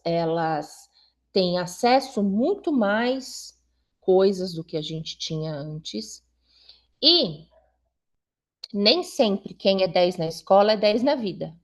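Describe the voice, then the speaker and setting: A middle-aged woman, an invited educator, talking to parents in a conversational way with frequent tag questions. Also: medium pitch. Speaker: invited school supervisor and educator. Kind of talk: talk to parents at a meeting.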